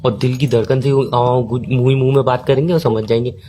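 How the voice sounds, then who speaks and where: A man's voice: mid-range voice, fairly even intonation, quick pace, dark tone. A man playing a fed-up boyfriend in a comedic phone-call sketch, complaining and teasing in an exasperated way.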